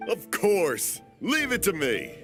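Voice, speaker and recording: A man's voice: high voice, huge pitch swings, slow, over music, exaggerated voice. An actor playing a cheerful, muddled, hard-of-hearing old father in a video game. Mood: easygoing. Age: older. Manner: genial, muddled, mishearing.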